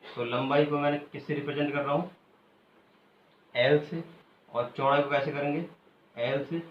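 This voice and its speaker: A male teacher giving a classroom lecture who keeps asking questions and pauses for students to call out the answers, then repeats the key terms slowly. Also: mid-range voice. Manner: quizzes students, pausing for them to finish answers. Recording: echoey room, muffled, faint hiss.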